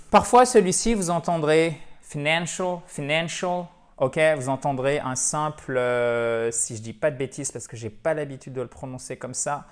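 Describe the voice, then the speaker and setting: A man teaching English pronunciation to French speakers, playful and repeating each word slowly to drill the stress. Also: medium pitch, clean tone. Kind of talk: pronunciation lesson.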